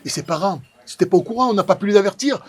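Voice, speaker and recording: A man with a Marseille accent from the south of France, telling a personal story in a dramatic, animated way and repeating phrases for effect. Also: high voice, very fast, breathy edge. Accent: Marseille, southern French. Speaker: pizza maker telling his life story.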